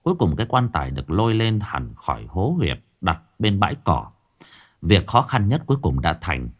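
A man narrating a ghost story in a dramatic, vividly expressive style. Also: sits low, moderate pace, slightly rough.

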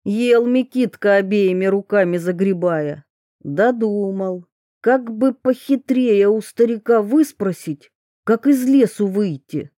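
Measured female audiobook reader for a dark fairy tale, slow and warm. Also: mid-range voice, lively intonation, dry recording, studio quality. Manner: measured, storytelling. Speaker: audiobook narrator.

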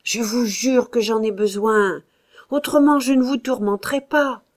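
A woman reading an audiobook, voicing a hot-tempered, impatient young male painter with loud, exasperated outbursts. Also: fairly high pitch, measured pace, natural voice. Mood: pleading. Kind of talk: audiobook character voice.

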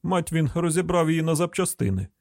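A man voicing a grumbling older rural man with an Arkansas accent, loud and folksy, in an audiobook reading. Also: fairly high pitch, lively intonation, quick pace, creaky, no room sound, studio quality, voice pushed up.

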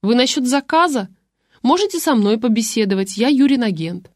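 A shrill, gushing young wife, as a woman reader puts her on, her voice pitched well above the narrator's and bursting with glee. She squeals and chatters in a dry, close audiobook reading. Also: animated, normal speed, darkish tone, dry recording. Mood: chirpy. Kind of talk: audiobook character voice.

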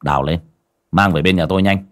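A man voicing a hot-tempered young male exorcist, gruff and cursing through clenched teeth. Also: low-pitched, a little fast, pitched below the performer's own voice, close to an everyday voice. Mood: commanding.

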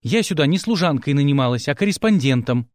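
A man's voice: fairly high pitch, lively intonation, a little fast, darkish tone, no echo, studio quality, natural voice. A man voicing a stubborn, defiant young woman reporter who argues back in an audiobook. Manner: indignant, argumentative. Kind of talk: audiobook character voice.

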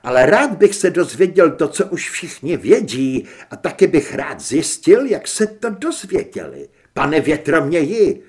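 A fiery, indignant young reporter from a storybook, read by a male narrator. He speaks forcefully, with a lively, swinging pitch. He drives every sentence hard. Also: hardly any pauses.

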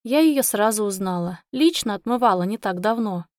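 A woman narrating a first-person audiobook in an expressive, emotional way. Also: medium pitch, normal speed, no echo, clean studio sound.

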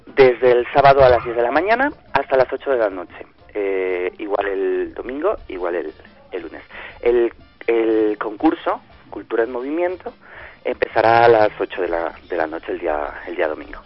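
This time the festival organizer from Ecuador sounds lowish and very animated, speaking at a moderate pace with faint music behind him. Heard through a dull lo-fi phone line, he answers with many hesitations and restarts yet is clearly enthusiastic about his hometown.

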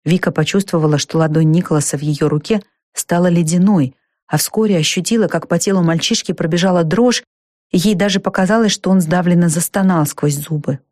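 A woman reading a storybook aloud in a steady, even narrating voice. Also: lowish voice, a little fast, no echo, clean studio sound. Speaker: audiobook narrator.

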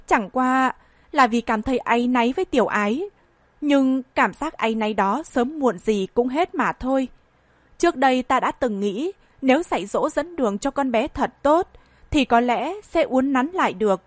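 A woman's voice: sits high, lively intonation, moderate pace, dry recording. A woman reading an audiobook voices a stern, disappointed old grandfather who scolds and sighs. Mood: weary. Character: stern old grandfather, head of a rich family.

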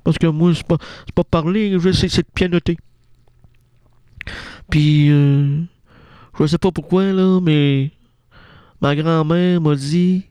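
A man's voice: a little high, fairly bright tone, dry recording. A man playing a fussy, self-important male pianist with a Québécois accent, rambling in a radio comedy sketch. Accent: Québécois French. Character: fussy soft-spoken male pianist with a big ego complex.

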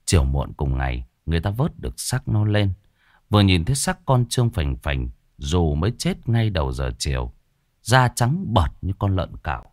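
A man narrating a village ghost story in a slow, dramatic, folksy way. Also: deep voice, darkish tone, no echo, studio quality. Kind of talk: spoken horror story narration.

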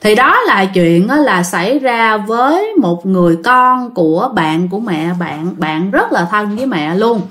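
A woman's voice: medium pitch, expressive, unhurried, hardly any pauses, fairly bright tone. A woman hosting a ghost story channel, chatting to listeners and sounding a bit tired. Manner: chatty, addresses listeners directly.

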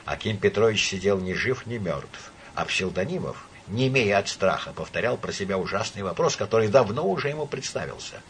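A man reading an audiobook in a dramatic, expressive way, with a husky voice. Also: on the low side, a little fast, hardly any pauses, slight background noise. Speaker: audiobook narrator.

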